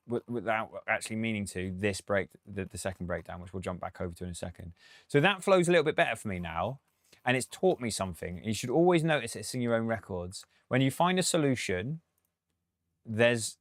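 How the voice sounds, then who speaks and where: A man's voice: on the low side, dry recording, clean studio sound. A man and music producer, talking through a track on a live stream, chatty and thinking aloud with frequent laughs.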